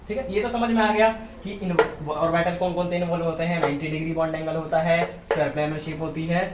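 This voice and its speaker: High-pitched male teacher, patient step-by-step lecturing, recorded in a roomy space with a faint hum and the mic some way off. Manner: explains step by step, keeps checking with "theek hai". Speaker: chemistry teacher. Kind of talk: classroom lecture. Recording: echoey room, mic at a distance.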